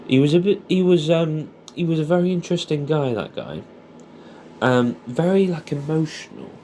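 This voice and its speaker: With a slightly high, animated, warm voice at normal speed, a young English-accented man chats in an intimate, rambling monologue, hesitant and casual as if catching up with an old mate. He swears freely and keeps it informal. A little hiss or hum runs through the recording.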